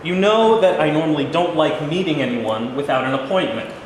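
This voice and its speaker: A man playing a blunt, exasperated American president in a staged play reading, with deliberate, emphatic delivery, recorded in an echoey hall. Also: fairly high pitch, close to an everyday voice. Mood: brusque. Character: President Truman, blunt, exasperated newly informed American leader. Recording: very echoey hall, faint noise.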